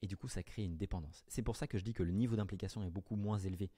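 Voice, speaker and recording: A man talking to the camera as a business coach, explaining offers to viewers in a brisk, direct way and correcting himself as he goes. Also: low voice, steady tone, warm tone, slightly rough.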